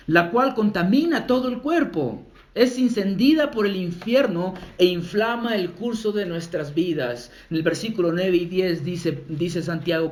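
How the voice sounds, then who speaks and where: A man from Peru preaches an expository sermon to his congregation, his voice sitting high for a man. He drives each point home with repetition and direct address, and acts out quoted excuses in a raised voice. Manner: emphatic preaching with repeated address to the brethren. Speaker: pastor.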